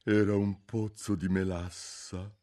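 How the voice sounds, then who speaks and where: A man puts on a drowsy little storybook dormouse with a tiny, hoarse voice, deep and slow-spoken. He drags each word out as if barely awake, grumbling under his breath. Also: little pitch movement, dark tone. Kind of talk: storybook reading.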